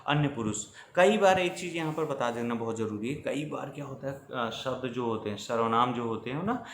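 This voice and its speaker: A man's voice: medium pitch, fairly quick. Man teaching a grammar lesson, echoey room. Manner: explanatory, addresses students directly with frequent checks. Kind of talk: classroom-style grammar lesson over slides. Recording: echoey room with faint ambient noise.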